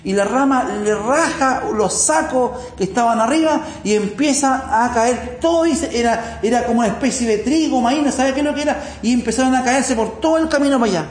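A man's voice: very high-pitched, fairly quick, few pauses. Chilean guy preaching, folksy stories, roomy echo, bit of background hum. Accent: Chilean Spanish. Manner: folksy, chuckling anecdotes with acted-out voices. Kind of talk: sermon with storytelling. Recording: echoey room, faint ambient noise.

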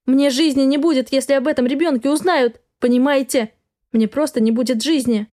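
A woman's voice: high-pitched, fairly even intonation, brisk, warm tone, no echo, clean studio sound, close to an everyday voice. A woman voicing a tearful, frightened young girl. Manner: sobbing, pleading, breathless. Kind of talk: audiobook dialogue.

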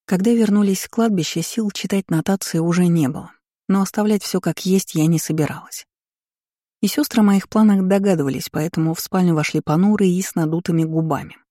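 A woman narrating a first-person audiobook in an expressive way. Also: lowish voice, fairly quick, no echo, studio quality. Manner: expressive, acts out her own outbursts.

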